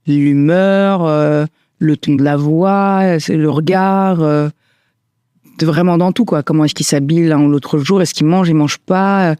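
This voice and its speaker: Reflective woman, halting casual talk. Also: low-pitched, steady tone, mellow, smooth, no room sound, clean studio sound. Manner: hesitant, many fillers and restarts. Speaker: guest, stylist and entrepreneur.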